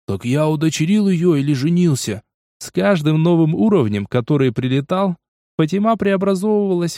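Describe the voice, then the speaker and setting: A man narrating an audiobook in a steady, lively storytelling manner. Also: a little high, no echo, studio quality.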